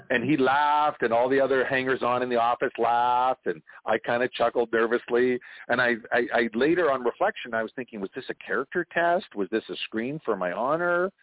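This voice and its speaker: This franchise consultant from Canada talks at a normal speed in a mid-range voice, recorded dry over a tinny phone line. As an interview guest in casual conversation on a call, he tells stories, jokes, and laughs often.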